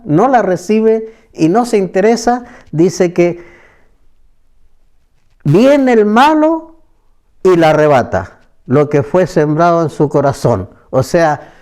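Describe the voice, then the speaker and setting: Male preacher for a Bible study program, unhurried, mellow, repeats key phrases. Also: high-pitched. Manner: slow, emphatic, repeats phrases.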